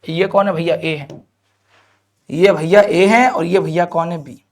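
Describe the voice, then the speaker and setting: Male teacher, high voice, lively coaxing lecture, draws out key terms. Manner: lively, coaxing, often asks students questions; stretches out key terms slowly. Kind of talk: classroom lecture to students.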